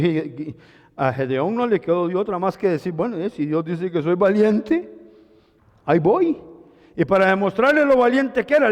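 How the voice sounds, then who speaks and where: A male pastor giving an animated sermon, often calling out questions to his congregation. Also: high voice, long reverb tail. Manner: animated preaching, calls to the congregation.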